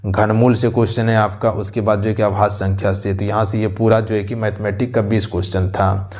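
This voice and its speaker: A man's voice: lowish voice, flat delivery, a little fast, darkish tone. A man, an exam-prep teacher walking through a question paper, repeating himself and addressing viewers directly, on a close voice-over mic. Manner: repetitive, addresses viewers as "aap sabhi".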